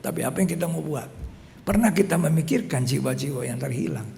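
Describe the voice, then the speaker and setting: Male pastor, somewhat high gravelly voice, storytelling sermon with whispered asides, faint rumble behind. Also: animated, fairly quick. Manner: storytelling preacher, swings between loud exhortation and hushed near-whisper. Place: church hall. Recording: long church reverb, faint rumble.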